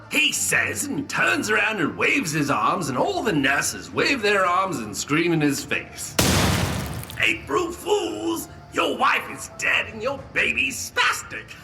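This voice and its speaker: A shrill, cackling clown villain, taunting with wild swings of pitch and a bright, sharp edge. He drawls slowly and mockingly, savoring every cruel word, over faint music. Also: huge pitch swings, exaggerated voice. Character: gleeful sadistic male clown villain. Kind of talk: audio drama acting.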